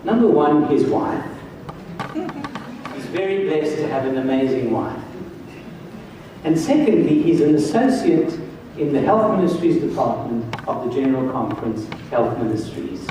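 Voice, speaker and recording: A man's voice: on the high side, sing-song, distant mic, noisy background. Older man from South Africa in echoey hall. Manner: slow, earnest, emphatic. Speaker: church health director speaking at a congress. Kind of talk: conference address and prayer. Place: large hall, on stage. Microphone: far camera, room mic.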